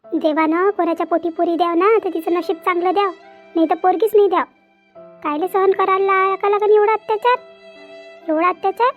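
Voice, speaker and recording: A high fretful cartoon village mother. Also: steady tone, a little fast, narrow, tinny audio, soft background music. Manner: fretful, scolding motherly talk. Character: worried village mother of grown children. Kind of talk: cartoon family drama voice acting.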